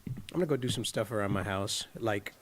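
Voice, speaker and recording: This horror-game streamer talks fast in a lowish male voice, with slight background noise. He casually trash-talks the characters with profane jokes and slips Spanish slang into his English.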